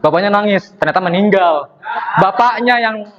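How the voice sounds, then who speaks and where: A man's voice: high voice, moderate pace, fairly bright tone. Young man, stand-up comedy, acts out dialogue, slightly dull recording. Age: young adult. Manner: acts out dialogue, switching voices for characters. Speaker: student comedian. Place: performance room at a university.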